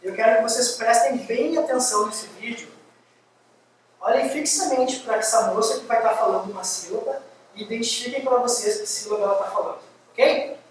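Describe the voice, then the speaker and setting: A man giving a university lecture, lively and firing quick questions at the audience. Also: extremely high pitch. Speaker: guest lecturer. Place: large lecture hall. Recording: echoey hall, distant mic, faint hiss.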